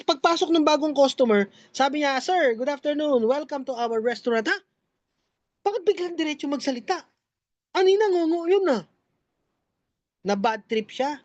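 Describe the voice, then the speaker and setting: A woman's voice: high-pitched, no echo, highs cut off. A woman vlogger chatting with her viewers as she tells a joke, often turning to talk to them directly. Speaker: network marketing vlogger. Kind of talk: casual joke storytelling to viewers.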